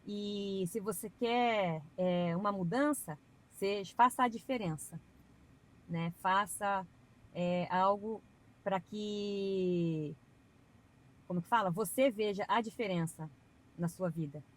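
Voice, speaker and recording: A woman's voice: mid-range voice, slow pace, low-quality recording. A woman guest on a podcast, talking earnestly and at length about her faith in a casual, chatty way with preachy asides. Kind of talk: casual testimony.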